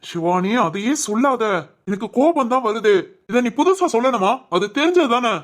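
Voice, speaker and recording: A woman's voice: on the high side, expressive, close to an everyday voice. A woman voicing a hot-tempered young man who protects his fiancée and speaks in an angry, commanding way, in an amateur family drama. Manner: angry, commanding, quick to threaten.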